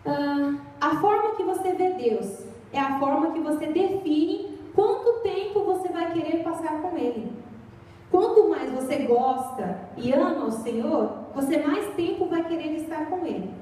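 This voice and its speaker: A woman's voice: high voice, lively intonation, a little slow, warm tone. A young Brazilian woman preaching a sermon in a church, chatty and storytelling, recorded from far off in an echoey hall. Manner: chatty storytelling, acts out voices.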